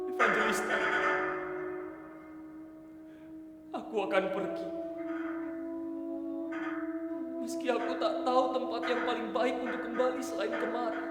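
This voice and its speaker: A pleading son, high-pitched, in hall reverb. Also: male voice. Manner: pleading, drawn-out theatrical delivery. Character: desperate, mutilated young son pleading to be recognised. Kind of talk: stage dramatic reading. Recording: echoey hall reverb, loud music behind.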